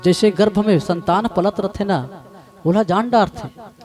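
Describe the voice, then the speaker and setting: High-voiced Chhattisgarhi preacher. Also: male voice, unhurried, over music. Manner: emotional, rising to impassioned outcries. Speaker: Ramayana preacher. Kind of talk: devotional sermon in story form.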